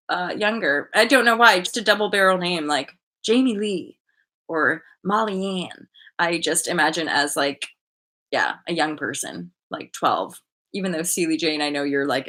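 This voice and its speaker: A woman in her thirties hosting a casual live chat from a bedroom, chatty and animated, full of likes and restarts, heard through a webcam mic. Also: medium pitch. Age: 30s. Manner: animated, gestures a lot, laughs often. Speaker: livestream host. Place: bedroom indoors. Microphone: webcam at desk distance.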